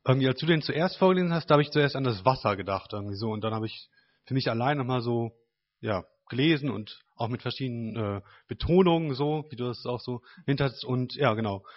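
Relaxed young man sharing in a group. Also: medium pitch, fast. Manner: relaxed, loose with fillers. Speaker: participant. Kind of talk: casual sharing and reading aloud. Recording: dull lo-fi sound.

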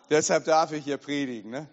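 A man preaching as a pastor, lively and direct, often asking the congregation questions, recorded in an echoey hall with dull sound. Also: a little high. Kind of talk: sermon.

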